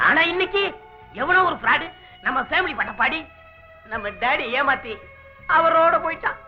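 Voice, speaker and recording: A man's voice: very high voice, lively intonation, normal speed, soft background music. A young actor playing a determined young man who pleads earnestly to be blessed before leaving. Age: young adult. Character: determined young man set to claim inheritance. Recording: dull lo-fi film audio.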